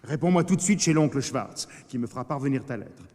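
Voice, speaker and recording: A bantering, amused young man who writes letters for others, teasing every customer. in a 1960s radio operetta, his slightly high voice ringing with long reverb from the studio. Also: very animated, a little fast. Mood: mocking. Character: charming young male public letter-writer, playful.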